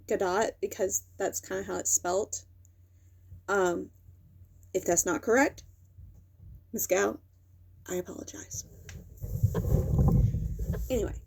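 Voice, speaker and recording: Casual young female host, mid-pitched, chatty and rambling, often stopping to correct herself. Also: darkish tone. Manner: rambling, self-correcting, with frequent fillers. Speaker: video host. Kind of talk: casual talking-head commentary.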